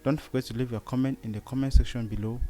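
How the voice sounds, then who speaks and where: Faint music sits behind a man's medium-pitched, steady, mellow voice as he moves at a quick pace. With a Cameroonian accent, he hosts a step-by-step screen tutorial, regularly asking rhetorical questions and supplying the answers.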